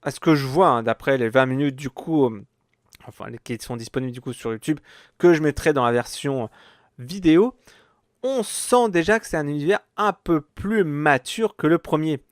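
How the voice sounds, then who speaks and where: A man's voice: on the high side, lively intonation, normal speed, no echo, studio quality. A man hosting a casual podcast, talking hesitantly with many fillers and restarts. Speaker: podcast host. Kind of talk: casual chat.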